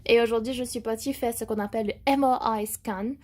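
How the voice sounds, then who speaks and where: A young woman vlogging casually while travelling, chatty and excitable, who laughs often, mixes in English words and trails off mid-thought. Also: a little high, brisk. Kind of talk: casual motivational vlog. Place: travelling in South Africa.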